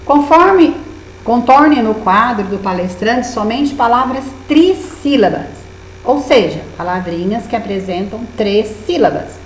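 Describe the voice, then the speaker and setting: Brazilian woman teacher guiding young kids through a workbook, slightly high and patient, recorded in an echoey room with light hum. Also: lively intonation, a little slow. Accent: Brazilian Portuguese. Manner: patient, encouraging, with many diminutives. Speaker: primary school teacher. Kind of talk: remote lesson walking through a workbook.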